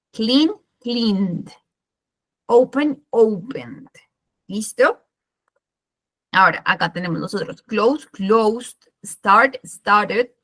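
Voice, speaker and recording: A woman's voice: mid-range voice, fairly bright tone. A woman teaching English grammar in a live online class over a video call, patiently checking that students follow. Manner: patient, checks understanding often with "listo" and "sí".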